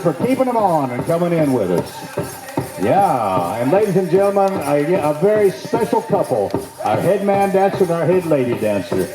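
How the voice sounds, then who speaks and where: A man working as a powwow emcee, announcing dancers into the arena with folksy, celebratory introductions. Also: sits high. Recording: echoey arena sound with music behind.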